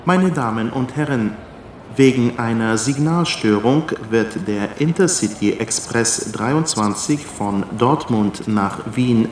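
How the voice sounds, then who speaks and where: A man making formal train station announcements, measured and clearly articulated. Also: medium pitch, echoey room, slight background noise. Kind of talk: public address announcements.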